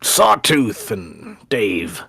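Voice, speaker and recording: A man's voice: lowish voice, huge pitch swings, very slow, vocal fry, bright, forceful tone, slightly rough. A man bantering casually as a player in a tabletop game.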